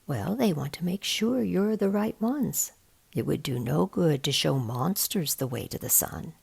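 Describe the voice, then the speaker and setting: A woman's voice: low-pitched, animated, measured pace, gravelly, darkish tone, husky, full character voice. A woman voicing a cheerful, matter-of-fact female guide, Spider-Woman, in a storybook reading.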